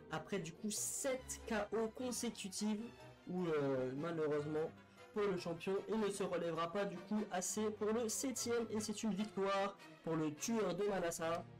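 Speaking in a high, slightly mellow voice, a man tells a sports history tale off the cuff, stumbling through frequent fillers and restarts. Faint music sits behind the rough recording.

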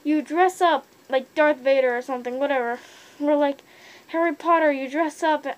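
High-voiced young woman inside a costume head. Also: moderate pace, poor audio. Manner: rambling, many fillers. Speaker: fursuiter vlogger. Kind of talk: casual opinion monologue.

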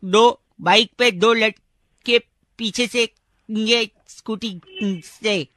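A man's voice: sits high, fairly even intonation, drawn-out words, sharp tone, no echo, studio quality. A man on a prank phone call who breaks off his words partway, as if the connection is cutting out. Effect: bad connection, speech cutting out. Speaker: prank caller.

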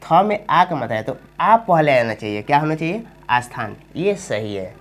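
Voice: medium pitch, big pitch swings, normal speed, faint music behind. Patient Hindi teacher quizzing themself. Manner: explains step by step, asks and answers own questions. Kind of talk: spoken grammar lesson.

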